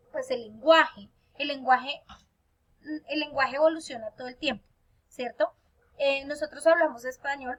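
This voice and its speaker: A woman's voice: high-pitched, pushed and bright. A woman teacher giving a recorded online lesson to her pupils, explaining step by step and checking in with her listeners.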